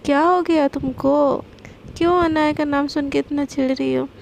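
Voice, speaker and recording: A woman voicing a playful young woman who teases her jealous girlfriend, in a breezy quick manner. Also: high voice, steady tone, creaky, a little mellow, a little hiss or hum. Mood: teasing.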